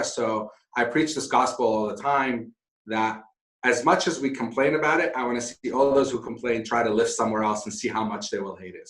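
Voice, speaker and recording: A man's voice: mid-range voice, fairly bright tone. A middle-aged man from Syria, speaking as an interview guest in a candid, self-deprecating, passionate way. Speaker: guest, hotel founder. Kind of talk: conversational interview. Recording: echoey room.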